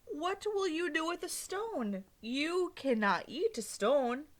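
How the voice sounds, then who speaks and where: A woman reading aloud and voicing a fussy little old woman, with a high, hushed, slow and wondering voice. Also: big pitch swings, exaggerated voice. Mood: doubtful.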